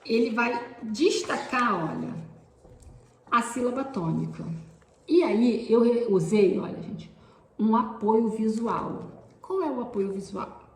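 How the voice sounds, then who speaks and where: A woman's voice: on the high side, takes it slowly, reverberant, a little hiss or hum. A woman teacher, explaining classroom activities step by step and often pointing things out. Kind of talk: instructional explanation.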